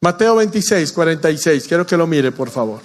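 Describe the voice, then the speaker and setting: A man's voice: on the high side, animated, fairly quick. A man preaching a sermon in a church, asking the congregation questions as he goes. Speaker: pastor.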